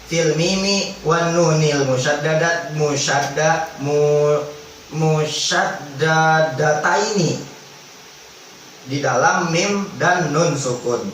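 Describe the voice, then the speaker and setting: A man teaching Quran recitation rules in a religious study lesson, explaining in relaxed everyday speech and chanting drawn-out recited examples. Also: fairly high pitch. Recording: echoey hall, distant mic, faint background noise.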